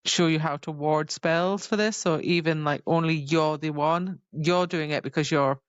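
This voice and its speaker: A woman with a deep voice co-hosts a book podcast, chatting casually and retelling scenes informally with exclamations and quoted lines. Her intonation is fairly even, her speed normal and her delivery smooth. The recording is dry with no room sound and has a slightly dull lo-fi quality.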